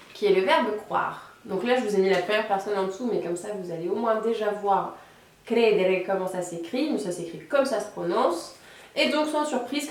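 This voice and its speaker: Woman language teacher, patient, clear modelling of words; boomy room, mic at a distance. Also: heavy reverb. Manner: patient explaining, slows down to model Italian words. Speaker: Italian teacher. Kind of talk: online language lesson.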